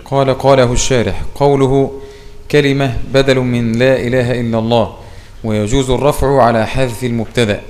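Quick male student reading in a hall. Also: mid-range voice, flat delivery, darkish tone. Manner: formal recitation of the text. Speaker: student reading the text aloud. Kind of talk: reading a classical text aloud.

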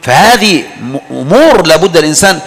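A man's voice: a little high, sing-song, fairly quick, gravelly, fairly bright tone. A man preaching a sermon, fervent and pleading, drawing out his words for emphasis. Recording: long hall reverb.

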